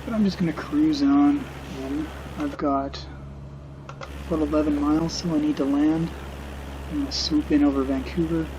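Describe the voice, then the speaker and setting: A middle-aged man narrates his flight simulator game casually. He is musing and hesitant, in a slightly higher than average voice, with noticeable engine drone behind him. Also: steady tone, muffled recording, background noise. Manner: hesitant, musing, unhurried reminiscing. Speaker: video game streamer flying a simulator. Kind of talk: casual unscripted gameplay commentary.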